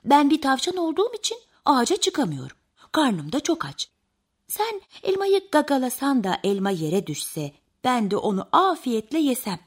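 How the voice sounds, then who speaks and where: A woman voicing a hungry, pushy little rabbit in a high, whiny voice. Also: very animated, normal speed, husky, full character voice. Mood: pleading.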